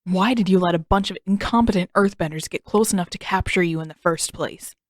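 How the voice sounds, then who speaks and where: A woman's voice: fairly low pitch, brisk, no room sound, studio quality, close to an everyday voice. A woman voicing an irritated, scornful teenage prince in an audiobook story, with curt, scolding delivery.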